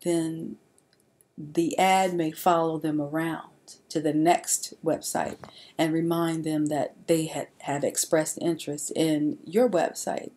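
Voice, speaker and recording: Female presenter, low register, loose unscripted voice-over for a slide deck. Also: little pitch movement, slow, warm tone. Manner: informal, with frequent fillers and restarts.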